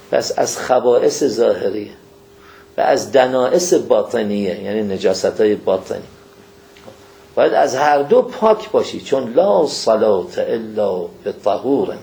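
Using a folksy manner, a man lectures on religion, addressing questions straight to his audience and quoting scripture slowly and steadily. His mid-range voice is creaky and warm.

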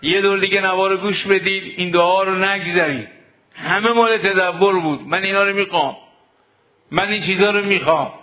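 A man preaching a sermon to seminary students, exhorting them with rhetorical questions. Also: high-pitched. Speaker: cleric teaching seminary students. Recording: dull lo-fi recording.

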